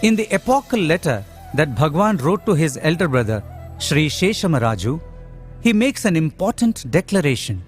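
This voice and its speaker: Man narrating a devotional doc, slow and sing-songy, guitar faintly behind. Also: a little high, very animated. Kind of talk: scripted documentary narration.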